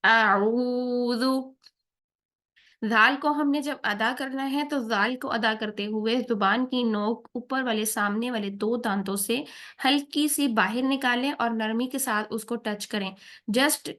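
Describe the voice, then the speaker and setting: A woman's voice: a little high, fairly bright tone. Patient woman teaching Quran recitation rules. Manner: patient, checks in with "theek hai?" after each point. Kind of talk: tajweed lesson with slow recited examples.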